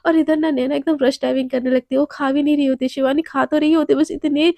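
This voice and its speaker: A woman with a hoarse, sore throat, casually telling a story and talking to her listeners as friends. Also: high voice, steady tone, fast, warm tone, no room sound. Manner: chatty, addresses listeners as friends.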